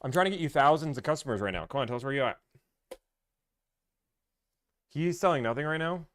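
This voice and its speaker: A man's voice: fairly high pitch, expressive, rapid-fire, fairly bright tone. A man hosting a casual live stream, rambling, teasing and answering comments from chat.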